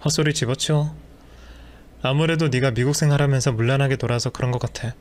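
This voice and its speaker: A man's voice: mid-range voice, steady tone, fast, close to an everyday voice. A cold, contemptuous husband, read by a man in a mid-range voice, scornful and dismissive with every line. An audio drama figure of a cruel man who sneers down at his wife.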